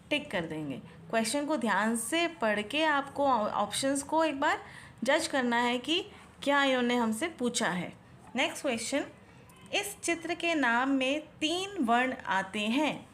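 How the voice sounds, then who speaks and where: A high-voiced woman explains a children's Hindi worksheet, stretching each syllable slowly and asking the viewer what each picture shows. She mixes English words into her Hindi, with a faint hiss behind her. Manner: slow, drawn-out syllables when sounding out words, questions to the viewer. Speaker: Hindi tutor.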